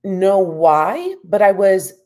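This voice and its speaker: This woman, a US professor in her thirties interviewed as a guest, answers thoughtfully and frankly, often saying "you know". Her medium-pitched voice is warm and slow, with big swings in pitch.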